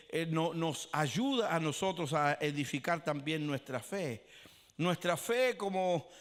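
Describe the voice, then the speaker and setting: A man preaching a sermon as pastor, retelling stories with dramatic acted quotes and sometimes shouting. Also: sits high. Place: church. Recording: long hall reverb.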